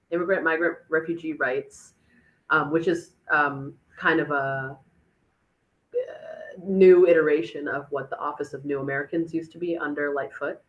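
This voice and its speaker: Fielding audience questions at a tech meetup, this chief of staff presenting on a city dashboard speaks casually, chattering along with lots of fillers and false starts. Her low-pitched voice comes through with the highs cut off.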